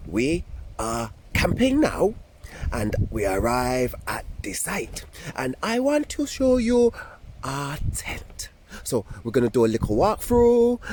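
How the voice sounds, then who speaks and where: A man acts out a chatty, excitable girl doll giving a playful tour for a kids' video. The delivery is a slow drawl that swoops up and down and lingers over repeated phrases. Clear background noise sits behind the amateur recording. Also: medium pitch.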